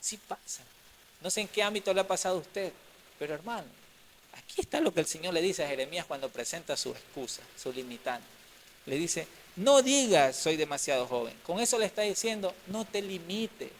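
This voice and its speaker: A male pastor preaching a sermon, moving from loud emphatic lines to quiet, hushed ones. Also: a little high, animated, a little fast, slight background noise. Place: church.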